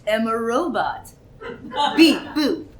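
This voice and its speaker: A woman's voice: on the high side, sing-song, takes it slowly, roomy sound. A woman doing a stiff beeping robot android pilot. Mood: playful robot. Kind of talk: comedic tabletop role-play.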